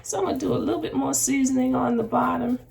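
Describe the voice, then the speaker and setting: A woman's voice: sits high, fast talker, vocal fry, darkish tone. A woman hosting a casual cooking demonstration in a kitchen, chatty and meandering as she talks straight to viewers. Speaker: cooking show host. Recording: distant mic with faint room noise.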